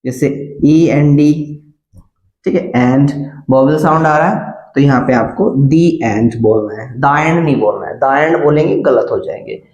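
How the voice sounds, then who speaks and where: A man's voice: mid-range voice, a little mellow, dull audio. Man teaching grammar in an echoey room. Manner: repeats key words and asks "clear?" often; spells words out letter by letter slowly. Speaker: English teacher. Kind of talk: classroom grammar lesson.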